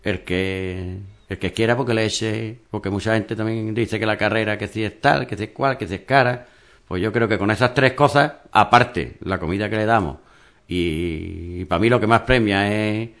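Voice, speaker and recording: A man's voice: fairly low pitch, normal speed, fairly bright tone. A man who organizes a mountain race, talking it through in a rambling radio interview with many restarts.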